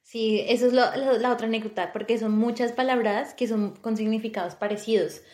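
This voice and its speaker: Animated woman telling stories in an echoey room. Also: fairly high pitch, a little fast. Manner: animated storytelling, laughing, acting out sounds. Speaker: podcast co-host. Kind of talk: casual chat.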